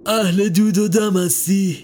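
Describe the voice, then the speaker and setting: A man voicing a kindly older man who keeps a basket of rabbits, asking slow, teasing, coaxing questions. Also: sits high, steady tone, darkish tone, voice pushed up, lightly acted.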